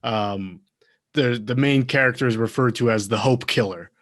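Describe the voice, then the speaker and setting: A man talks through his thoughts in a relaxed podcast chat. His pitch sits in the middle and he pads his sentences with ums and likes as he works toward a point. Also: moderate pace. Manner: rambling, filler-heavy, thinks aloud. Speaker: podcast co-host. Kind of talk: casual chat.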